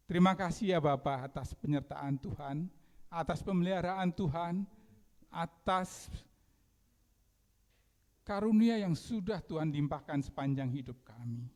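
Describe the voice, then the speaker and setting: Man leading prayer in a reverberant church. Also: fairly high pitch. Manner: earnest, measured prayer cadence. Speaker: worship leader. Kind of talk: church opening prayer and hymn introduction. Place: church sanctuary. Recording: long church hall reverb with music. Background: soft instrumental music.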